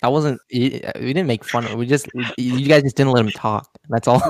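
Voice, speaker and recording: A man's voice: mid-range voice, brisk, dry recording. A male podcast host in casual chat, answering with wry, exasperated remarks.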